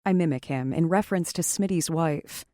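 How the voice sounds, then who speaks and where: A woman narrating a first-person romance audiobook in a wry, sarcastic, expressive way, close to the mic. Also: deep voice, normal speed, no room sound.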